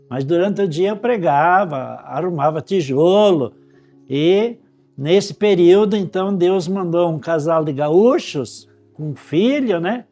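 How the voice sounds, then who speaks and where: Man, pastor, slow deliberate recollection, high pitch, soft music behind. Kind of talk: recollecting interview.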